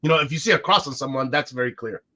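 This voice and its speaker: A co-host in his forties, a native Arabic speaker, muses aloud in a casual podcast chat, restarting often. His mid-range voice is sharp-toned and very fast. The sound is dull and lo-fi.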